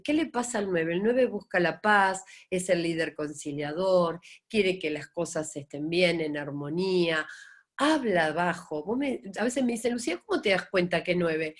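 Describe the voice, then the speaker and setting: Animated Argentine woman teaching. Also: lowish voice. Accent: Argentine Spanish. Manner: animated, acts out quoted voices, asks rhetorical questions. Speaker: Enneagram teacher. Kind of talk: live-streamed talk to viewers.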